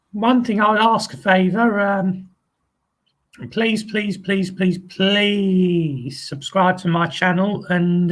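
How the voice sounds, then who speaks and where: In a casual live video chat, a male channel host from England talks in a high-pitched, fairly bright tone. The delivery rambles, with frequent ums, false starts and friendly phrases said over and over.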